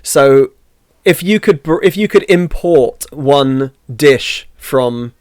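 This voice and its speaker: A man's voice: mid-range voice, lively intonation, a little mellow, no echo, studio quality. A man co-hosting a podcast stream, asking questions casually with frequent restarts. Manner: halting, restarts often. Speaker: co-host. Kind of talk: casual chat.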